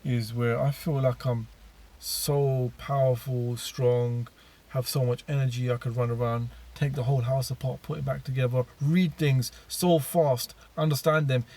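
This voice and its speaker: A man's voice: medium pitch, fairly even intonation, a little slow, hardly any pauses, dark tone. A man telling his personal story in a casual monologue, rambling with many fillers and restarts.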